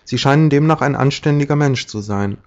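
A man's voice: medium pitch, fairly quick, voice pushed up, lightly acted. A burly, sly innkeeper-fisherman, voiced by a man in a storybook reading talks in a raised, bluff voice, blunt and mocking. He coaxes and teases by turns. The recording sounds dull and lo-fi.

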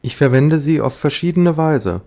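A man putting on a gruff, sly innkeeper-fisherman. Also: a little high, expressive, normal speed, darkish tone, voice pushed up. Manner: blunt, mocking, coaxing. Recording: dull lo-fi audiobook recording.

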